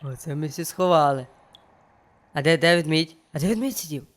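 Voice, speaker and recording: Speaking a little high and briskly, this young man streams a let's play. He cracks jokes and chats with both the game and his audience in playful commentary on his gameplay.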